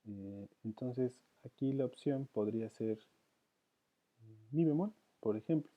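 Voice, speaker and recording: A man's voice: mid-range voice, lively intonation, takes it slowly. A man teaching counterpoint, working through it aloud with hesitations. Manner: thinks aloud with many fillers and restarts. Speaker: music teacher. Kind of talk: counterpoint lesson, thinking aloud. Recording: dull lo-fi sound.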